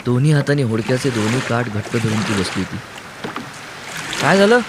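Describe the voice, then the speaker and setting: A man reading a story aloud in a measured, expressive narration, with sea waves behind. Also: mid-range voice, very noisy. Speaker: audiobook narrator. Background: ocean waves sound effects.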